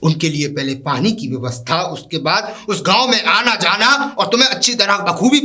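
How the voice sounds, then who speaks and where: An actor playing a proud, contemptuous landowner father who delivers slow, weighty warnings. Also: mid-range voice, lightly acted. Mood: angry. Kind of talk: low-budget film drama acting.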